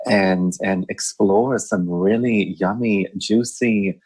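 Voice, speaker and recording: Gravelly, husky man co-host. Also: fairly low pitch, fairly even intonation, darkish tone. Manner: theatrical, flirty, quick to laugh. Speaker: podcast co-host, life coach. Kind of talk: casual chat.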